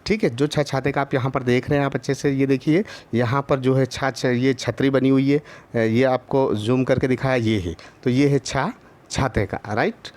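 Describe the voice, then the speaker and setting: A man teaching a Hindi lesson online to young children, patiently repeating each syllable, with many drawn-out filler pauses. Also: mid-range voice, steady tone, a little mellow. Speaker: primary school teacher.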